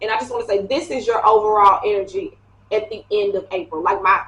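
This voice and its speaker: A woman giving a casual tarot reading to camera, chatty and animated, laughing often as she talks. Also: mid-range voice, fairly quick. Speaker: tarot reader. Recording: echoey room.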